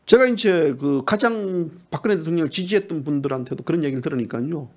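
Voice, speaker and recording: A man giving impassioned political talk as a party politician. He talks emphatically, repeats himself and rises into high pleading tones. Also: expressive, fast, darkish tone.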